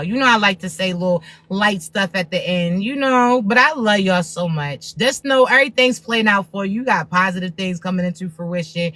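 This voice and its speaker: A woman's voice: medium pitch, a bit bright. A woman spiritual reader giving a blunt, profane, preachy pep talk to viewers on a livestream.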